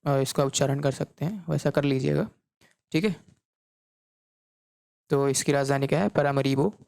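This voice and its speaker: A man's voice: on the high side, creaky, a little mellow, clean tone, no room sound. A man teaching geography in a recorded lecture, checking in often and repeating each point back as a question. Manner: repeats key points as quiz questions, frequent "okay" checks.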